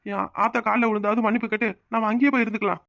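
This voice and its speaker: A woman's voice: a little high, flat delivery, creaky, fairly bright tone, no room sound, clean studio sound. [name], a woman voicing a tearful village husband. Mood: earnest. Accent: Tirunelveli Tamil. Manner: tearful, pleading, quick to flare up. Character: young village man, devoted emotional husband. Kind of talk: cartoon voice acting.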